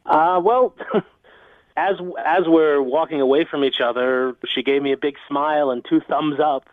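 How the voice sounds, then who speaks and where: Calling in to a casual radio show, a man with a rather high voice speaks at a measured pace, sounding awkward, hesitant and self-deprecating. It's a dry recording over a phone line, so the audio is muffled.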